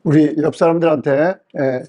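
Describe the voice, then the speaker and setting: A man with a fairly high voice and a soft, mellow tone is preaching. He tells a personal story from the pulpit, taking on the voices of the people he quotes. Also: moderate pace, a little hiss or hum. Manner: lively storytelling that acts out quoted speech. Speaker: pastor. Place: church revival meeting.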